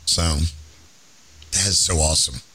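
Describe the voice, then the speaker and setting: A man in his late fifties hosting a podcast, chatting casually in an animated, jokey way with a slightly hoarse voice. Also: extremely low pitch, unhurried. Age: 50s. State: hoarse from laryngitis. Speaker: podcast host.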